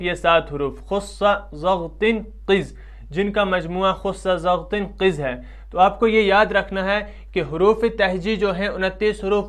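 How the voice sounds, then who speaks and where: A man with a high, smooth and resonant voice gives a Quran pronunciation lesson in a Pakistani Urdu accent. He talks patiently, drawing out each letter and saying it again and again so listeners can copy it. His teaching is steady and methodical. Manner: patient, repeats letters loudly and slowly to model pronunciation. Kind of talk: tajweed lesson.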